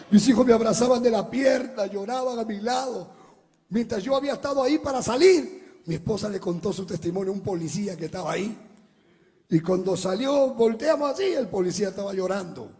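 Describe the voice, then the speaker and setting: A man, a pastor giving a dramatic testimony sermon that swings from shouting to hushed speech. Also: sits high. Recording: long hall reverb.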